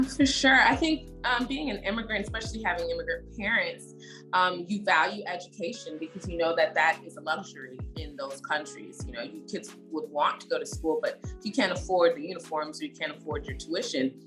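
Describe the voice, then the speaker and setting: A young Haitian woman with a notably low, slightly bright voice answers questions as an interview guest. She's measured and reflective, pausing on "um" while she gathers her thoughts, with faint music underneath.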